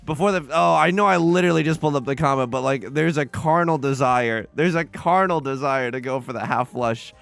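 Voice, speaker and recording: A man's voice: a little high, brisk, gravelly, few pauses, fairly bright tone. A man hosting his own let's play, talking through a tile game in a rambling, self-mocking stream of consciousness into a desk microphone. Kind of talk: casual gameplay commentary.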